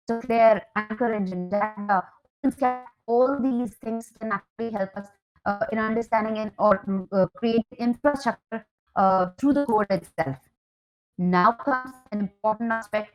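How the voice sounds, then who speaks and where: A woman presents a technical talk over a video call, her voice at an ordinary pitch. She halts often with fillers as she goes. Faint guitar music plays behind her. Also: poor audio. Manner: halting, many fillers. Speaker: conference speaker. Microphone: remote video call.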